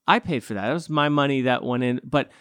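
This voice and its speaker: A man's voice: mid-range voice, fast, a bit bright, clear, resonant tone, no room sound, clean studio sound. A man hosting a casual faith conversation, easygoing and affirming, telling anecdotes about his son.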